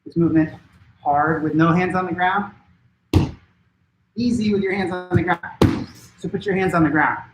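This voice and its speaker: A man teaching a martial arts class at home, giving brisk step-by-step coaching cues to follow along. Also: high-pitched, reverberant, background noise. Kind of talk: live-streamed class instruction. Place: home training room.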